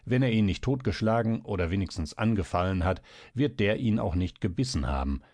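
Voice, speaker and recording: Ein Mann spricht einen mürrischen, ungeduldigen älteren Doktor in einem Hörbuch, mit tiefer, brummender Stimme. Trocken und nah aufgenommen. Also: male voice, on the low side, animated, a little fast, a little mellow, no room sound. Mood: grumbling. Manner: grumbling, impatient. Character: gruff, irritable older male doctor.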